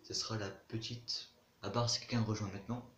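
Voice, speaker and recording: A man's voice: lowish voice, flat delivery, fairly quick, fairly bright tone, roomy sound, dull audio, slight background noise. A man casually commenting on his own gameplay, chatting, explaining game mechanics and talking to other players. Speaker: gaming YouTuber.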